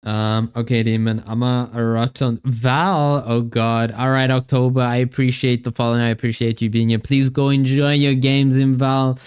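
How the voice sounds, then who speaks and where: A chatty man streaming from home, talking straight into a livestream headset mic. His voice sits at a medium pitch and comes through smooth and clean. He rambles cheerfully between viewer shout-outs. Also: level tone, moderate pace, few pauses. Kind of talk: casual stream chat thanking viewers.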